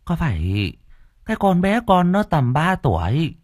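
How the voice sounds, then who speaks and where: A man voicing a worried old grandmother in an audiobook, speaking slowly and softly. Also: fairly high pitch, sing-song, no echo, studio quality, pitched above the performer's own voice. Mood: worried, tender.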